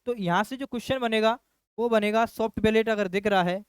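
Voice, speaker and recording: A man's voice: high voice, fairly even intonation, brisk, clean tone, dry recording. A man teaching a nursing lecture who repeats key phrases and keeps asking his class rhetorical questions. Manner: addresses students as children. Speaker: nursing coach.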